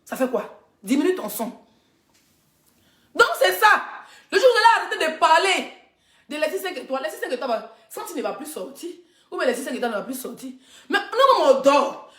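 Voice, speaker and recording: A woman blogger in a live social media rant, loud and mocking, often laughing as she talks. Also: extremely high pitch, roomy sound. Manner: mocking, loud, laughing through her talk. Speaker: blogger and influencer.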